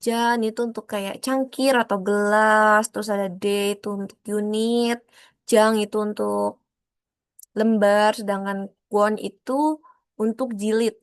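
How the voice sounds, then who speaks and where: A woman explaining a lesson in an online class over a video call, repeating examples and filling pauses as she goes. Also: medium pitch, level tone, smooth, no echo. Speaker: Korean language teacher.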